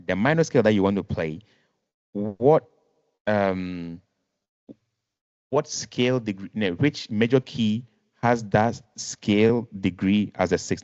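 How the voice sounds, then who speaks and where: Low-voiced man teaching music on a video call. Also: a little mellow, dry recording. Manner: patient, repeats and rephrases, counts notes aloud. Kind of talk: online music lesson. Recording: dull lo-fi video call audio.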